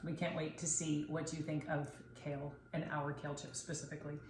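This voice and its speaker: A woman's voice: low-pitched, little pitch movement, brisk, darkish tone. A woman hosting a casual cooking vlog from a kitchen, talking with gushing enthusiasm about her cafe's food. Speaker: cafe owner and cooking video host. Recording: echoey room, faint noise.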